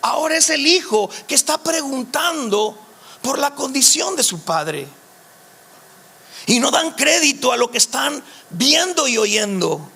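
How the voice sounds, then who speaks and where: A man leads a Bible study in a strikingly high voice with a gravelly edge. His tone is bright and forceful as he speaks emphatically and calls on the listeners directly. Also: big pitch swings, unhurried. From Mexico.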